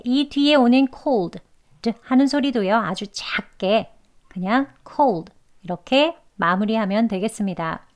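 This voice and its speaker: Woman teaching english sounds, slow and careful, kinda high voice. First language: Korean. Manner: slow, careful, repeats phrases for learners. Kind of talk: pronunciation lesson.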